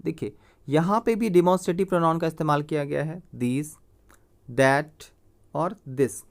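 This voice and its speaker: Male teacher, slightly higher voice, explanatory lecture, answers his own questions, repeats terms. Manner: asks himself questions and answers them, repeats key terms; checks understanding with frequent "clear?" prompts. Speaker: grammar teacher. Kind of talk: explanatory classroom lecture over slides.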